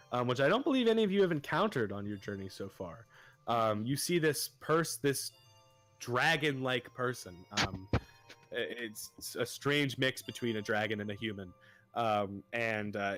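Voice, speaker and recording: A man's voice: mid-range voice, fairly bright tone. A young man narrating a tabletop game as dungeon master, hesitant and full of fillers. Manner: hesitant, full of ums and uhs.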